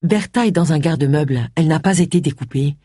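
A narrator voicing a brisk, headstrong middle-aged woman detective. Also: mid-range voice, warm tone, breathy edge, no room sound, clean studio sound, lightly acted. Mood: firm.

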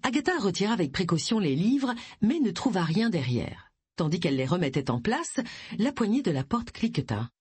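A woman narrating a novel aloud in an expressive storytelling manner. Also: on the low side, normal speed, slightly rough, dry recording. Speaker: audiobook narrator.

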